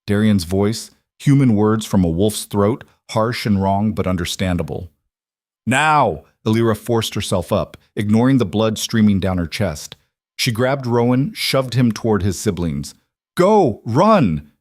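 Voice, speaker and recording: A man reading a dramatic fantasy story as scripted narration, in a measured, dramatic way. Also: on the low side, darkish tone, no echo, clean studio sound.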